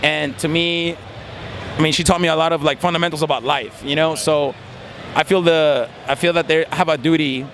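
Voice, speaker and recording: Interviewed casually outside, a twentysomething Mexican law student and competitive gamer speaks at normal speed with fairly even intonation. His voice is a little high and somewhat bright, full of fillers, thoughtful and sincere, with slight background noise.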